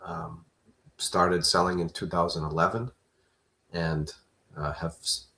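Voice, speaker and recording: A man hosting a live question-and-answer stream, talking in a relaxed, conversational way. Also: low-pitched, slow pace, vocal fry. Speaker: host.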